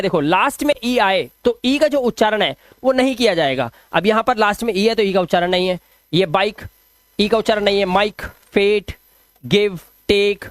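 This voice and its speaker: A man teaching English phonics rules, who repeats example words slowly and puts questions to his students. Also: sits high, no echo, studio quality. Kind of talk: phonics lesson explaining spelling rules.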